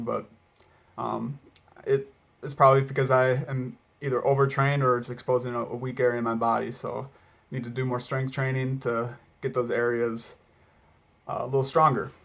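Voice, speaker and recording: A man talking casually as a running vlogger, reflective and hesitant, often pausing mid-thought. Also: mid-range voice, flat delivery, creaky, fairly bright tone. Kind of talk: casual vlog talk to camera.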